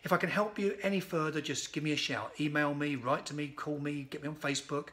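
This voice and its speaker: A fifty-something sales speaker talks quickly in a slightly high voice, firing off an energetic motivational message to the camera. He's filming in a sunny conservatory with a phone or webcam, and his delivery is punchy.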